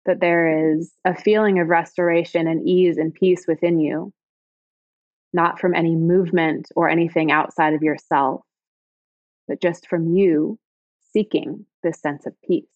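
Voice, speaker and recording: Soft-spoken woman guiding a meditation. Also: lowish voice, fairly even intonation, dry recording, lo-fi sound. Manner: slow, soft, soothing instructions with pauses. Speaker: meditation guide. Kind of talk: guided body-scan meditation.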